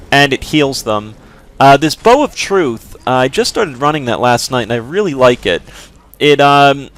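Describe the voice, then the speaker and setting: Medium in pitch and fairly bright in tone, a man casually explains a game as he plays it. He tends to ramble, hedging his points and using lots of fillers.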